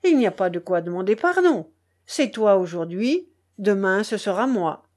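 A woman's voice: medium pitch, lively intonation, normal speed, darkish tone, lightly acted. A woman voicing a wounded male thief who speaks with cold contempt and harsh commands, in a storybook reading. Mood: scornful.

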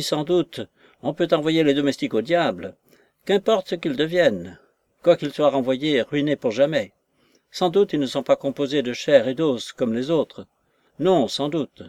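A man's voice: medium pitch, moderate pace, darkish tone, dry recording, lightly acted. A man voicing a distraught lady's maid, a woman who wails and pities herself in a raised, plaintive voice. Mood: lamenting.

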